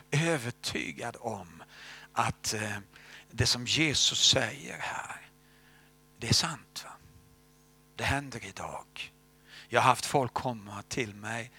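Gravelly-voiced man preaching a sermon. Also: medium pitch. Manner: storytelling, drops to hushed whispers at key moments. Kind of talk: sermon testimony.

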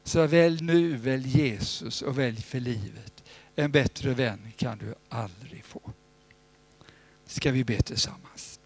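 A man preaching an informal sermon, telling stories in a conversational way and breaking into loud, pleading cries. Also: medium pitch, gravelly, breathy edge.

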